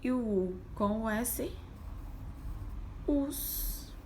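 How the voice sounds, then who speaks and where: A woman's voice: lowish voice, expressive, takes it slowly, vocal fry, slight background noise. A woman teaching young children, explaining a worksheet patiently step by step and sounding out syllables. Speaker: primary school teacher.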